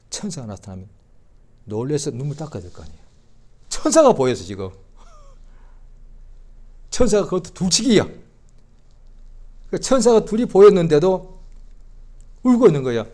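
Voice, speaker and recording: A male pastor preaching a Sunday sermon, acting out the story in voices and swinging from quiet talk to loud outbursts. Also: mid-range voice.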